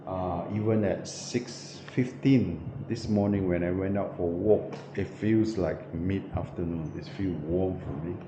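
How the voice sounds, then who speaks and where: Filming a casual walkthrough in a small windowless hotel room, this travel vlogger from New Zealand speaks in a low, boomy, slightly dull voice with fairly even intonation. He halts, repeats and corrects himself, using lots of fillers; the sound is echoey, muffled and noisy in the background.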